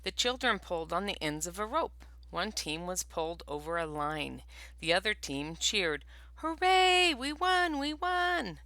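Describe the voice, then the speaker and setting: A woman teacher reading a picture book aloud to her first grade class, expressive and stopping to ask questions. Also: on the low side, moderate pace, no echo.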